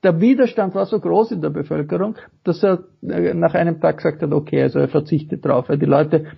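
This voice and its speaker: A man speaking as a guest in a political interview, halting, with many fillers and restarts. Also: on the high side, creaky, husky. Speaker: guest journalist. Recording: dull lo-fi audio.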